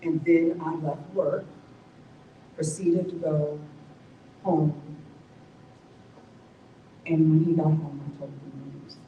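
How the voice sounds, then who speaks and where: Slow-spoken woman sharing her survival story. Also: low-pitched, fairly even intonation, reverberant, recorded from a distance, phone-quality sound, slight background noise. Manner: slow, reflective storytelling with self-corrections. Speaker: cancer survivor speaker. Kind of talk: personal testimony at a forum. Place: community forum venue.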